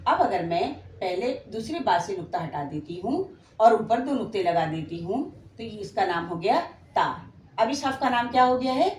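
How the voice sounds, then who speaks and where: A woman's voice: medium pitch, expressive, moderate pace, a little hiss or hum. A woman teaching beginners to read Quranic letters, patiently drawing out each letter name for students to repeat, with a Pakistani Urdu accent. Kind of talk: slow beginner lesson, spelling out letters. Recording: echoey room, faint ambience.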